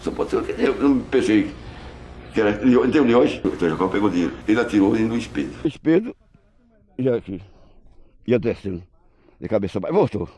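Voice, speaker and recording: An older man, recounting what he saw in quick, halting bursts full of restarts. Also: fairly low pitch, lively intonation, dark tone. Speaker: eyewitness interviewee. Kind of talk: storytelling recollection. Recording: roomy echo.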